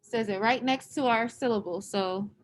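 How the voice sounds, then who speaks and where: A woman's voice: fairly high pitch, normal speed. A woman teacher leading an online class, patiently explaining step by step over a computer microphone.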